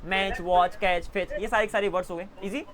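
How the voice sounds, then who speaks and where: A male English teacher giving a classroom lesson to live students, teasing them playfully and repeating words slowly as drills. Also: high voice, steady tone, a crowd in the background.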